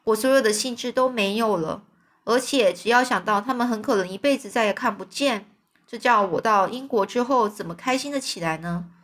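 A woman's voice: a little high, a little fast, a bit bright, natural voice. Woman reading a tender-hearted, grieving young lady. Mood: sorrowful. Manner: sorrowful, pleading.

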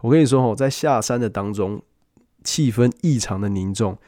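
A man hosting a travel storytelling podcast, chatty and animated, often speaking straight to the listener. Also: fairly low pitch, normal speed, dry recording, clean studio sound. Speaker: podcast host.

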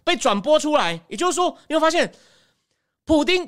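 A woman giving emphatic, animated political commentary as a podcast host. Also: high voice, fairly quick. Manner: animated, emphatic, acts out quotes.

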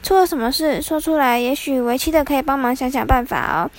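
A gentle, devoted female snake spirit speaks to her husband in a soft, coaxing voice, as a woman narrator puts her on. The tone sits high and light, in a storybook telling. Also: quick pace.

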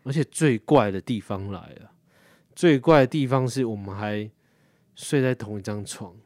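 A man co-hosting a podcast, telling stories in a lively, cursing way and acting out what others said. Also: mid-range voice, moderate pace, dry recording, studio quality. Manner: animated storyteller who swears and acts out quoted friends. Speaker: podcast co-host. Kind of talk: casual chat.

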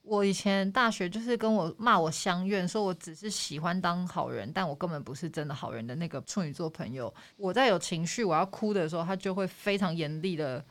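Low-voiced woman, candid guest. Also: brisk, hardly any pauses, a bit bright. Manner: explains at length, candid and reflective. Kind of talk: casual chat.

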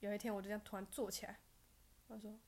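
Animated young woman telling stories. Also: mid-range voice, quick pace. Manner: animated storytelling, bursts of laughter and loud self-cheers. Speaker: podcast guest. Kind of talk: casual chat.

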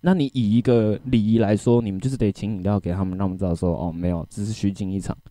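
A man's voice: lowish voice, fast, dry recording. A man, venting in casual podcast chat, swearing often and checking that his listener follows. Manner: animated venting, swears often, keeps asking if you get it. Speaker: podcast co-host.

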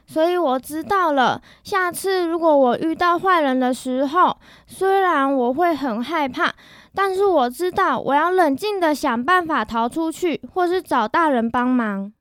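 A woman's voice: high-pitched, animated, unhurried, a bit bright, no room sound, clean studio sound. A woman voicing a curious little boy who asks for more stories. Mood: eager. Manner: eager, inquisitive.

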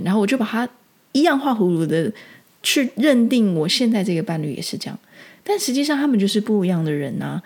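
A woman, chatting through a personal story in a loose, rambling way and often restarting her sentences. Her voice sits fairly low, with a gravelly fry and a husky, breathy edge. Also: a little mellow. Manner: rambling, with many restarts and fillers. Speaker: spiritual vlogger. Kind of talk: casual storytelling monologue.

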